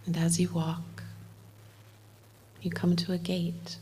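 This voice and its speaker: Slow, low-voiced woman leading soothing guided meditation. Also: monotone, a little hiss or hum, poor audio. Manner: gentle, unhurried, with long pauses between short phrases.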